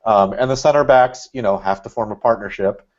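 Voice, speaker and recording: Speaking a little fast at a fairly low pitch, this podcast guest, a Red Bulls fan, rambles through casual conversation. He thinks aloud, using lots of fillers, and the audio has a dull, lo-fi quality.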